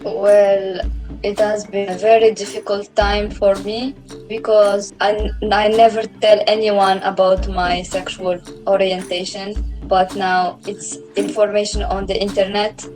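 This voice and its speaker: An anonymous interviewee speaking through an electronically altered voice, answering in a slow, halting way. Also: medium pitch, flat delivery, a little mellow, faint music behind, low-quality recording.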